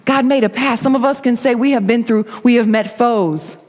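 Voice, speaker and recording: Woman preacher, high voice, repeats herself in that building sermon rhythm, church reverb all around. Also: normal speed, a little mellow. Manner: repetitive rising preaching cadence. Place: church sanctuary with rows of chairs. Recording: long reverb of a hall.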